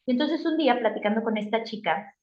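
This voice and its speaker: A middle-aged woman with a Mexican accent tells her career story in a casual interview and acts out her own past reactions with lively voices. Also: fairly high pitch, fast talker. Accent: Mexican Spanish. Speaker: guest. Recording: roomy, slightly dull sound.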